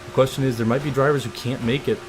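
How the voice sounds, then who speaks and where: A young man streaming a racing game live, calling the action in an excitable, announcer-like play-by-play. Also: medium pitch, quick pace, music in the background. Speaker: gaming streamer.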